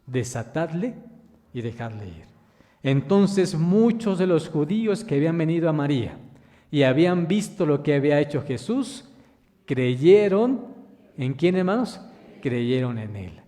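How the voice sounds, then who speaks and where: A man's voice: fairly high pitch, mellow. A man minister preaching a sermon, reading scripture aloud and putting questions to the congregation, whom he calls brothers. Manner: addresses listeners as brothers. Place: church. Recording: long church reverb.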